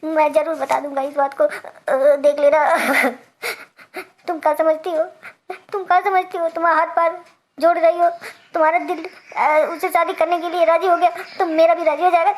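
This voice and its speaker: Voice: very high voice, little pitch movement, normal speed. A performer voicing a jilted village man in a cartoon comedy, with an Awadhi accent, ranting, stammering and tearfully threatening his ex.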